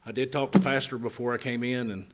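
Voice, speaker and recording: A man's voice: mid-range voice, fairly even intonation, quick pace, a little hiss or hum. A man giving an informal sermon and Bible lesson at a pulpit microphone in a church sanctuary. He speaks plainly, with many fillers and restarts. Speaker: guest preacher.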